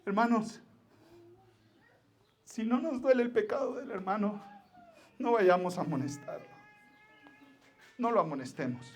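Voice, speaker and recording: A Mexican pastor preaching in a church, his high voice pleading with the congregation. He drops to near-whispers and then builds to forceful appeals. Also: lively intonation, measured pace, long pauses. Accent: Mexican Spanish. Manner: pleading, swings from hushed to forceful. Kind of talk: sermon.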